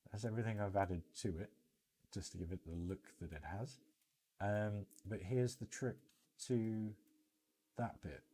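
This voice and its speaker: A British man with a low, dark-toned voice hosts a game livestream, speaking unhurriedly with long pauses. His commentary is casual and informal, rambling as he thinks aloud.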